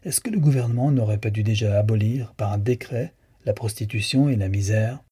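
Dude doing a skinny angry radical, all tragic and loud, husky. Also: male voice, lowish voice, brisk. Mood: indignant. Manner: tragic, denouncing. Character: gaunt male radical, tragic and thundering.

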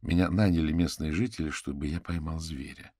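A man voicing a calm male detective who speaks politely and persuasively. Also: rumbling low, fairly quick, dry recording, clean studio sound.

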